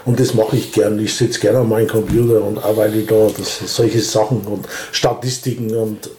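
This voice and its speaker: A man's voice: on the low side, level tone, noisy background. Plain-spoken man in his sixties. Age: 60s. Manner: halting, plain-spoken, restarts. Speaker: volunteer with a senior association. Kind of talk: casual interview talk. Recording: echoey room.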